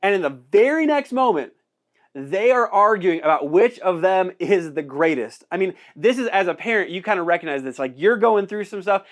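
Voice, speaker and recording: Pastor giving a conversational sermon, high voice, repeats his key phrases.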